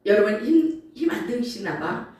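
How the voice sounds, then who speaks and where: A woman preacher giving an animated sermon and acting out grumbling prayers. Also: fairly high pitch, normal speed. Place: church sanctuary. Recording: echoey church hall from far off.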